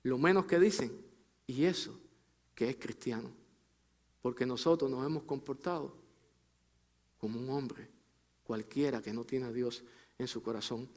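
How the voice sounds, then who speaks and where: A man preaching a sermon to his congregation, calling them brother and sister, pushing his phrases up with emphasis and letting them fall low and soft at the end. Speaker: pastor.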